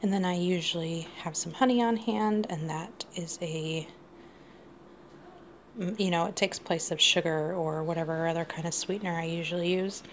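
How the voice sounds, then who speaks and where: A woman in her thirties chatting casually in her home kitchen, showing pantry staples with plenty of ums and easy laughs. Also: on the low side. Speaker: food vlogger. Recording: noisy home recording.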